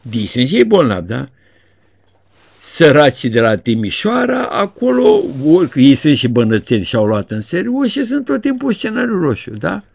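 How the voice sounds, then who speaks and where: A man in his seventies talks through a casual commentary monologue, sarcastic and colloquial. His voice is gravelly and husky, and his pitch leaps all over the place. The recording is dry and close. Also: huge pitch swings, a little mellow, dry recording. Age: 70s. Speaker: journalist and video blogger.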